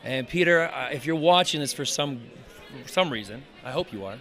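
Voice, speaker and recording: A man's voice: mid-range voice, animated, brisk, sharp tone. A man, a screenwriter, chatting informally as an interview guest on a red carpet. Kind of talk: casual red carpet pitch of own film.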